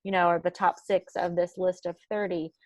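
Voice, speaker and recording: A woman's voice: lowish voice, flat delivery, moderate pace, a little mellow, no echo. Upbeat woman guest thinking aloud. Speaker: podcast co-founder guest. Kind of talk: casual interview chat.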